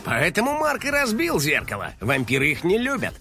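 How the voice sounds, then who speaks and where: A man voicing an excitable, bossy male house-spirit detective who makes dramatic exclamations. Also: sits high, a little fast, faint music behind, voice pushed up, heavily acted. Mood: self-assured.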